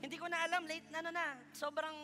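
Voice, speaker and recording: A male pastor with a Filipino accent preaching a lively sermon in church, teasing the congregation as he goes. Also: extremely high pitch, quick pace, loud music behind the voice. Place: church hall.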